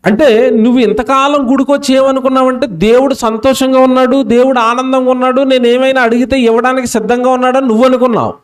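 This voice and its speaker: A male preacher with a high voice gives a fervent sermon at an outdoor public meeting. He throws questions out to the crowd and stretches his words slowly for weight. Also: steady tone, clear, resonant tone.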